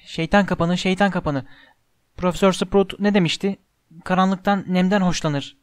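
A man's voice: high voice, steady tone, normal speed, clean tone, no echo, voice pushed up, natural voice. A man voicing a bossy know-it-all schoolgirl, talking in an urgent, commanding way, in a dry recording.

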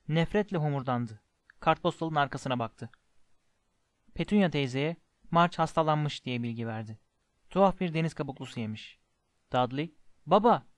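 A man narrating a story in a measured, expressive reading. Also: fairly high pitch, no room sound. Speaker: audiobook narrator.

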